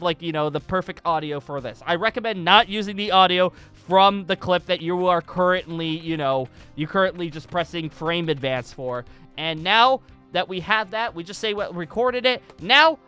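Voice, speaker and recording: His voice is high, sharp and clean as he talks through gameplay off the cuff. The young man's gaming tutorial is casual and rambling, full of repeated phrases for emphasis, recorded indoors at a computer desk.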